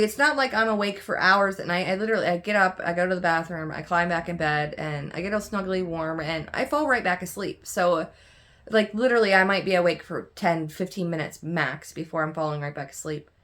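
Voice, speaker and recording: A young adult woman talking to her viewers in a loose, candid vlog chat. She sounds worn out and yawns, her voice sits a little low for a woman, and she wanders through her thoughts with lots of "um" and "like.". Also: fairly bright tone. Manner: rambling, candid, many fillers and restarts. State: tired, yawning. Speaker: cross stitch vlogger. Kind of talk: casual chat to camera.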